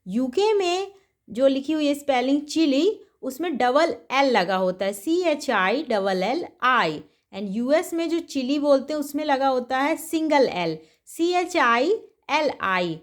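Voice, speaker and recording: Slow, high-voiced Indian woman teaching. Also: lively intonation. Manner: slow, repeats each word carefully for pronunciation. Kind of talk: vocabulary lesson for children.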